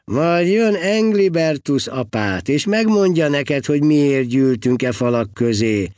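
A man's voice: on the high side, lively intonation, a little mellow, no room sound, clean studio sound, voice pushed up, natural voice. A man voicing a stout monk who teases a brother while working. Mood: teasing. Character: stout mocking male monk at work.

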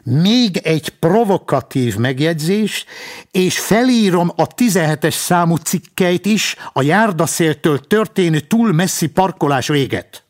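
A man's voice: fairly high pitch, animated, pitched above the performer's own voice, natural voice. A man playing a pompous, officious traffic cop. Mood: stern. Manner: officious, stern, formal. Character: stiff, pompous male traffic policeman.

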